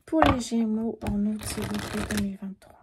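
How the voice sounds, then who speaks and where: A woman in her fifties with a sore throat, speaking softly and sometimes whispering as she lays out a tarot reading. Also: medium pitch, normal speed, very noisy. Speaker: tarot card reader.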